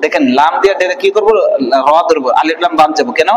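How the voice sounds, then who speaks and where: A man teaching Quran reading online, spelling syllables slowly and answering his own questions. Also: a little high, echoey room, long reverb tail, rough recording. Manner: stretches out recited words in a slow chant.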